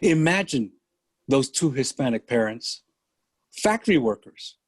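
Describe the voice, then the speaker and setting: An older man from San Francisco, a podcast guest telling his story slowly and deliberately over a video call. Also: mid-range voice, animated, no room sound. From San Francisco, USA. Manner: slow, deliberate storytelling with pauses. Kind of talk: conversational interview.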